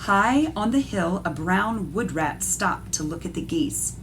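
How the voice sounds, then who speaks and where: An art teacher with a mid-range, slightly bright voice reads a picture book in an animated, unhurried way, teaching and talking directly to young children. There is a little hiss or hum in the audio.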